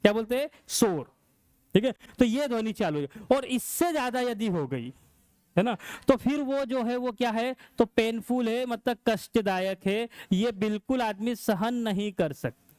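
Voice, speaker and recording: A man's voice: very high voice, expressive, a little slow, darkish tone, clear, resonant tone, no room sound. A male science teacher lecturing a class, asking questions and answering them himself.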